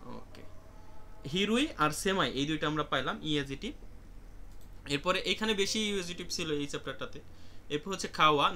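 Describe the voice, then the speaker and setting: Man, Bangladeshi accent, online language teacher, bright tone, faint background hiss. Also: a little high. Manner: explains word by word, calls on students. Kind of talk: online class vocabulary lesson.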